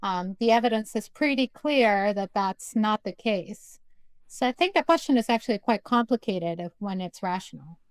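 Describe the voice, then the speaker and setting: A woman from Peru, a philosophy professor, speaking as a guest on a radio talk show with thoughtful, measured explanations. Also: medium pitch, animated, no echo. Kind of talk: radio interview conversation.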